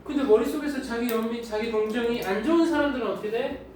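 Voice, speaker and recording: A man's voice: very high voice, fast, a little mellow. A male English teacher lecturing a class, reading English lines, explaining them in Korean and firing rhetorical questions at the students. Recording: echoey room, mic far off, faint noise.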